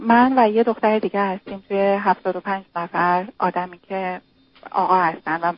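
A woman's voice: mid-range voice, steady tone, no echo. A woman calling in to a radio advice show, speaking hesitantly and searching for her words. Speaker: caller. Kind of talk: phone-in call to a radio show. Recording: muffled radio broadcast audio.

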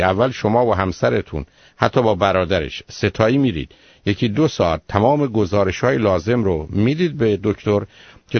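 A man's voice: fairly low pitch, no room sound, highs cut off. Blunt lecturing man on a call-in show. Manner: blunt, lecturing, full of rhetorical questions. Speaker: radio call-in host, addressed as doctor. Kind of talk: radio call-in advice.

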